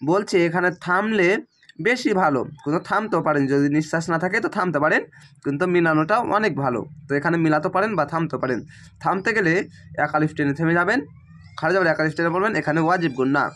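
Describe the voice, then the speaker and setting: A man teaching Quran reading, chanting each Arabic word slowly and stretched out, then explaining the rules quickly in plain speech. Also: fairly high pitch, a bit bright, a little hiss or hum. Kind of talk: slow spelled-out recitation lesson.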